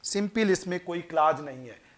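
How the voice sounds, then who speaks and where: A man teaching English grammar in Hindi, explaining slowly, repeating his points and reading example sentences with care. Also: a little high, lively intonation, fairly bright tone. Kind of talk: classroom grammar lesson in Hindi.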